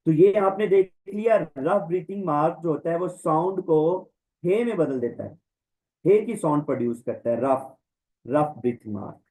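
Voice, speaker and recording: Guy teaching a greek class online, slightly high voice, says words slow and over and over. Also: expressive, mellow, rough recording. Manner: slow, drawn-out word-by-word pronunciation drills. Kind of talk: online lecture.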